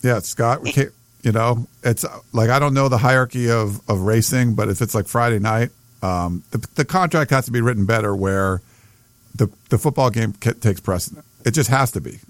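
A man's voice: medium pitch, normal speed, dry recording. An American man co-hosting a sports podcast in casual chat, hesitant and circling back over his phrases.

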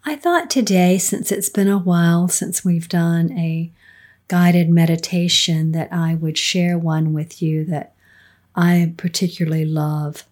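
A mature woman with a soothing, breathy voice, gently leading a guided meditation. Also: on the low side, steady tone. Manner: slow, gentle, breathy delivery.

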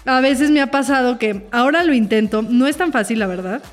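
Woman, high pitch, casual podcast chat, animated retelling. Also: fairly quick. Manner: chatty, acts out family dialogue, many fillers. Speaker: podcast host and mother.

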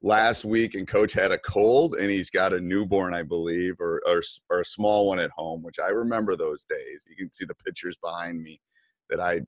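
A man's voice: low-pitched, fairly even intonation, normal speed, no room sound. A middle-aged man hosting a podcast interview in a casual, chatty way, with many fillers and restarts. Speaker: podcast host.

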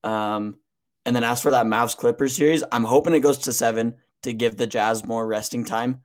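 A man co-hosting a casual sports chat in a mid-pitched, everyday voice. He talks in a measured way, often stopping on a drawn-out um before he goes on. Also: fairly even intonation. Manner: measured, pauses with frequent ums.

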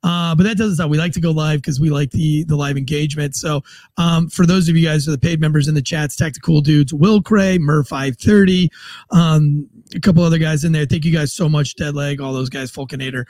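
A man's voice: a little high, fairly even intonation, fairly quick, darkish tone, no room sound. A man in his forties hosting a podcast, rambling and joking irreverently in casual chat. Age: 40s. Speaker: podcast host.

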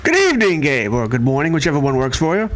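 A man's voice: on the high side, very animated, quick pace. A man dialed into a sports talk show, his voice breaking up under bursts of static and buzz, like a walkie-talkie. He keeps it short and easygoing, and the noise keeps cutting through his words. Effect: line torn by static and buzzing noise bursts, like a walkie-talkie. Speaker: show guest on a call-in line. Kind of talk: casual sports talk chat.

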